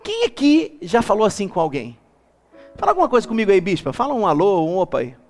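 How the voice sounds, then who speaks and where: A man preaching a lively church sermon as bishop, calling the congregation to repeat after him and building up to shouts. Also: sits high, quick pace. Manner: animated, rising to shouts, calls congregation to repeat.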